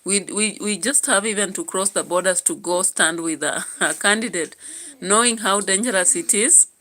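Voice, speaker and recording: On her casual political commentary vlog, a Kenyan YouTube host muses aloud in a chatty way, using plenty of fillers. She speaks at medium pitch and normal speed, with a sharp tone.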